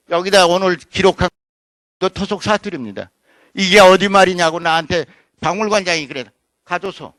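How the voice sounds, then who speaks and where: A man delivers an academic lecture in a high, sharp voice. He talks emphatically and throws rhetorical questions at the audience. The sound is dry and close, with little room echo. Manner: writes on a blackboard while lecturing. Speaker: scholar giving a lecture.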